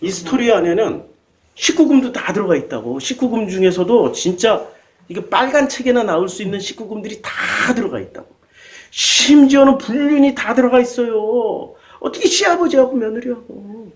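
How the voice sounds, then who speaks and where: Male pastor, high voice, folksy sermon style, keeps throwing questions at the pews. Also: animated, normal speed. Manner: colloquial, peppers congregation with rhetorical questions.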